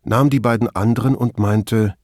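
A man narrating an audiobook in a measured, expressive storytelling manner. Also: on the low side, no echo, clean studio sound. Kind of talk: scripted narration.

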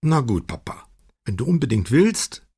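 A man's voice: mid-range voice, sing-song, normal speed, warm tone, slightly rough, no echo, studio quality, voice pushed up. A man voicing a pushy, sulky teenage daughter who whines and insists. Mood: whiny. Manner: whiny, insistent.

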